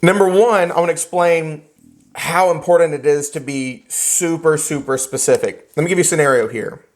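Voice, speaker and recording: Lively male real estate instructor. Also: on the high side, moderate pace. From United States. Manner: animated, joking, acts out characters. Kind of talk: classroom lecture with storytelling. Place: classroom.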